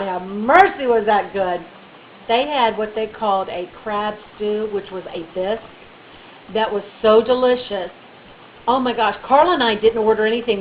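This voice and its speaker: A woman telling a funny personal story in a chatty, animated way, with bits of playful baby talk. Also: medium pitch, lo-fi sound, a little hiss or hum. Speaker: vlogger.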